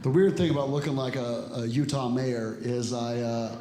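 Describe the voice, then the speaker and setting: A man's voice: mid-range voice, fairly even intonation, moderate pace, crowd noise. A man in his forties doing a stand-up comedy set with a dry, self-deprecating delivery, acting out bits of dialogue. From Ecuador and El Salvador. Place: comedy club stage with a live audience. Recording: echoey room with audience noise.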